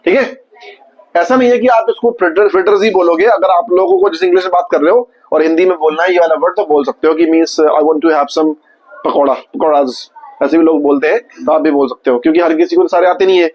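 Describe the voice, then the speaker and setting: High-voiced male teacher, dull lo-fi sound. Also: steady tone, darkish tone. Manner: quizzes students, repeats words slowly. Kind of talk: classroom vocabulary lesson. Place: classroom.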